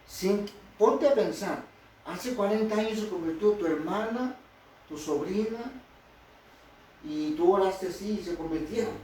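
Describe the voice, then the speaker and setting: A pastor preaching a sermon in a conversational way, often asking the congregation questions. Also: male voice, high-pitched, a little mellow, slight background noise. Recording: echoey hall from far off.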